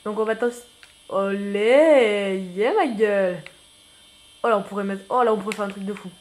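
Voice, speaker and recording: A man giving casual gameplay commentary as a new YouTuber, rambling and self-mocking, full of slang and excitable outbursts at the game. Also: high voice, racing.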